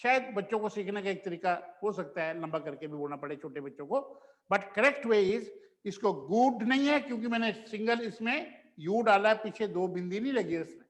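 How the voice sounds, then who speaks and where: Guy teaching a class, high voice, drags out example phrases, echoey room with a long reverb. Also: expressive. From India. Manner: slowly spells out example phrases, mixing Hindi and English. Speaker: English teacher. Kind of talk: classroom lesson.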